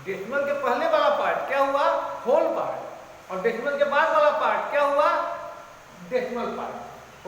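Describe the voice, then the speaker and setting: A male math teacher with a very high voice, teaching a lesson in a classroom. He quizzes the class and answers himself, drilling each term over and over. His voice rings through a strongly echoing room with a long reverb tail. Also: a bit bright. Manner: asks questions and answers them himself, repeats key terms. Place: school classroom. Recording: very echoey classroom, faint room noise.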